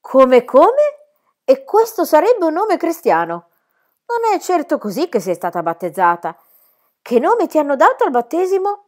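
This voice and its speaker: A woman's voice: high voice, huge pitch swings, normal speed, a little mellow, voice pushed up. A woman reading aloud, voicing a stern, strict middle-aged governess who scolds shrilly. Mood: scandalized.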